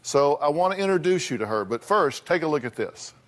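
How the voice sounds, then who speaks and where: A man's voice: a little high, animated, fairly quick, a little hiss or hum. A man hosting a talk show in a folksy, teasing manner, leading into a segment. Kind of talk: casual chat.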